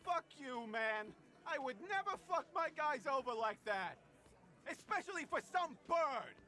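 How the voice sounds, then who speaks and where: A shrill, hot-headed young dockworker. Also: male voice, big pitch swings, unhurried, music in the background, exaggerated voice. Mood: angry. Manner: shouty swearing outbursts.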